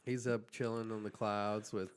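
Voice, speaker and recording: A man co-hosting a podcast, answering with deadpan comebacks and playful teasing in casual banter. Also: on the low side, normal speed, clear, resonant tone. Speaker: podcast co-host.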